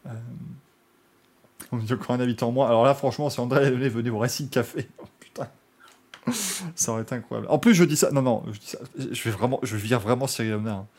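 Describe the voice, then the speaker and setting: A man's voice: mid-range voice, quick pace, pauses often, darkish tone. A man hosting a motorsport podcast, chatting casually and joking, rambling with frequent restarts. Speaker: podcast host.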